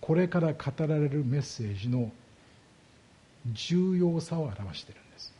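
A man's voice: fairly high pitch, expressive, warm tone, breathy edge. A man preaching a sermon as a pastor, explaining scripture and asking his congregation rhetorical questions. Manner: slows down heavily on key words.

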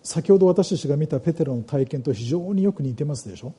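A man's voice: on the high side, expressive, fast talker, dark tone, slightly rough. A middle-aged man preaching a sermon, reading scripture aloud and asking the congregation questions. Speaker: pastor.

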